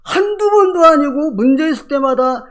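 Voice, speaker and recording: An older male pastor preaching a sermon with animated delivery, often quizzing the congregation. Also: very high voice, moderate pace.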